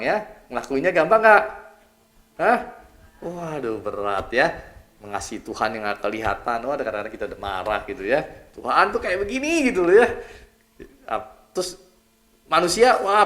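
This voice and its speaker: A middle-aged Indonesian male pastor preaches in a medium-pitched voice, keeping it casual and conversational. He's lively and chatty, often tacking a quick "ya" onto his phrases.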